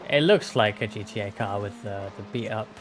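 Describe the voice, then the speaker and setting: Laid-back low-voiced man in voice chat. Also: brisk, music in the background. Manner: laid-back, reports lap times plainly. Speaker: teammate watching the race. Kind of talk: casual voice-chat banter. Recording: noisy game-audio background.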